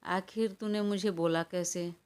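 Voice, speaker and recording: A woman's voice: on the low side, fairly even intonation, unhurried, a little mellow, smooth, close to an everyday voice. A woman voicing a stubborn, hot-tempered young woman who quarrels and makes demands, in a storybook reading. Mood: angry.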